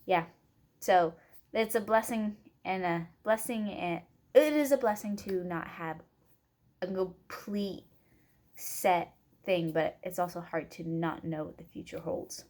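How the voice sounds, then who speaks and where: Rambling young woman with a low voice. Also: slow, a little mellow. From Oregon. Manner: rambling, many fillers and restarts. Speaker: student. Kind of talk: casual self-introduction video.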